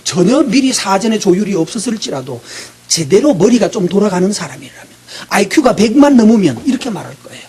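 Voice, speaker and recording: A middle-aged male pastor preaching, quizzing his congregation with quick, teasing questions. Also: high voice, very animated, darkish tone, husky. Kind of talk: interactive sermon.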